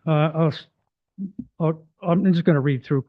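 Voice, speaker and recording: A hoarse man speaks at a council delegation table, stumbling over fillers and restarts as he reads from prepared notes. The sound is tinny and phone-like with a dry, close feel. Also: fairly high pitch, moderate pace, dry recording. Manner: hesitant, many fillers and restarts. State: losing his voice. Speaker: resident delegate addressing council. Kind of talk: formal public delegation, partly read aloud. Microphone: table microphone.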